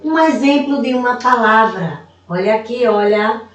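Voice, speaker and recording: A woman teacher from Brazil giving a recorded video lesson to young pupils, patient and slow, stretching out syllables as she explains. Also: fairly high pitch, recorded from a distance. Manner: calls herself auntie, speaks warmly to young pupils. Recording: roomy echo, voice away from the mic.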